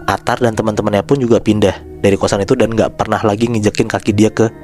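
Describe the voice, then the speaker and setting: Low-voiced man telling a horror story. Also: fast, soft background music. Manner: relaxed and chatty, addresses listeners by name, slangy. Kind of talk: casual spoken storytelling.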